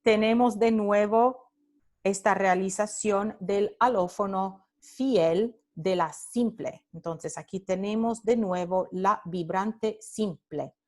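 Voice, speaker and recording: A woman's voice: medium pitch, takes it slowly. A woman lecturing on phonetics over slides, explaining patiently, repeating example words to demonstrate sounds and adding short English asides for her students. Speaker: Spanish phonetics instructor.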